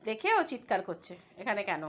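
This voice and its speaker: A woman at home filming her dog, coaxing and soothing it with gentle baby talk. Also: medium pitch, lively intonation, fairly quick. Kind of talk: casual home vlog. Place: home, indoors. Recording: loud dog barking behind her.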